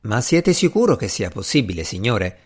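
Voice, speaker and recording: A man reading the part of a polite, curious gentleman in an audiobook, asking questions with interest. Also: fairly low pitch, sing-song, moderate pace, breathy edge.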